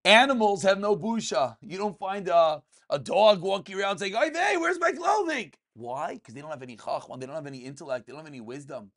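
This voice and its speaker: High-pitched man teaching religious text. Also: animated, fast, hardly any pauses, a bit bright. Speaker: rabbi teaching a daily class. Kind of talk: religious text lesson, reading and translating. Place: small furnished room indoors.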